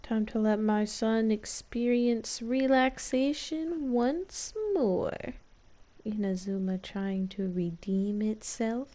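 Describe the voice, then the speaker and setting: This gameplay streamer has a mellow, somewhat high voice and takes her time as she plays. She keeps up light, playful commentary and answers the characters back while game music runs underneath.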